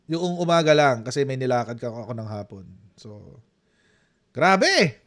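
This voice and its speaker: A man with a Filipino accent doing casual live-stream commentary, animated and mocking, laughing often. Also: mid-range voice, measured pace.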